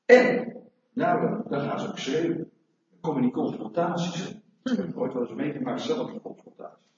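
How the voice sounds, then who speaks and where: A middle-aged man preaching a sermon, lively and asking rhetorical questions of his congregation, recorded from afar in a church hall. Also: mid-range voice, slight background noise. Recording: echoey hall, mic far off, dull sound.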